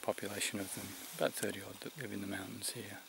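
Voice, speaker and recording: A middle-aged Australian man, tired and short of breath, speaking off the cuff to camera in a halting, reflective way. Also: fairly low pitch, fairly even intonation, gravelly. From New South Wales, Australia. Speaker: vlogger. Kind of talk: unscripted vlog to camera. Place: outdoors in the mountains. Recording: noisy outdoor recording, rural background sounds.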